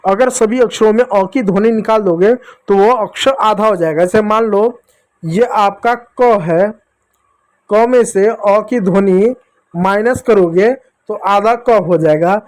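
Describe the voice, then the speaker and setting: A man teaching basic Hindi letters to children, patient and repetitive, sounding out each syllable slowly. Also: high-pitched, darkish tone. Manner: addresses listeners as children. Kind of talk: classroom lesson for children.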